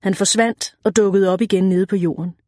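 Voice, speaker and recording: A woman narrating an audiobook in a measured, even reading. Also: mid-range voice, no room sound, clean studio sound.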